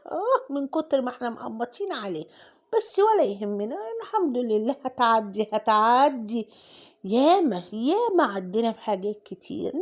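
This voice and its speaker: A woman's voice: medium pitch, darkish tone. A middle-aged woman with an Egyptian accent, chatting in a casual home vlog with dramatic, self-mocking comic laments. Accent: Egyptian Arabic. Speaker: vlogger.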